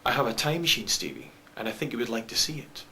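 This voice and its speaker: A man voicing a secretive male stranger in a low, serious way, in a short film. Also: very animated, fast talker, bright, forceful tone, a little hiss or hum, heavily acted, low-quality recording.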